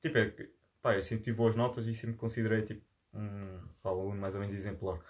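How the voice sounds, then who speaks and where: A man's voice: lowish voice, completely flat delivery, fast talker. A young man chatting casually with friends in slang, insistent and often repeating himself. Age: young adult. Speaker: participant in a group chat.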